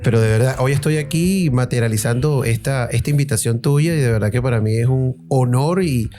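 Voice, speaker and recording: A Venezuelan man, a trauma surgeon guest, talking in a casual, halting way with many fillers and restarts. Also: medium pitch, dark tone, soft background music. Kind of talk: casual interview chat.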